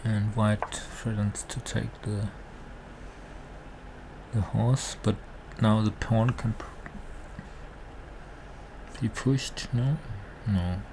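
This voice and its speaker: Slow-talking man commentating over noise. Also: on the low side, steady tone. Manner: halting, thinking aloud. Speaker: amateur chess commentator. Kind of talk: casual live game commentary. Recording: clearly noisy background.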